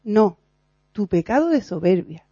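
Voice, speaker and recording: A woman preaches informally to her fellow believers. Her voice is mellow and warm, and her delivery is earnest and lively. The recording is dry and slightly dull, like a low-fi capture. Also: a little slow, slightly rough, no echo. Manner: earnest and animated, acts out quoted voices, laughs at herself. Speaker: lay preacher in a prayer meeting. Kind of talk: informal sermon.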